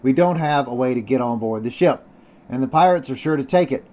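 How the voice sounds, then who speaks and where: A man voicing an eager, brave young boy on a sea voyage who asks his questions in a high, excited voice. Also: a little fast, natural voice. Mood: earnest.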